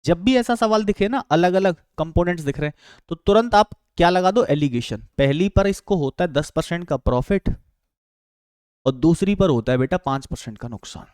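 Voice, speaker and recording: Man, maths teacher, slightly high voice, dry close sound, asks and answers his own questions. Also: animated, moderate pace, a little mellow, clear, resonant tone, no room sound. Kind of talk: exam-prep maths lesson.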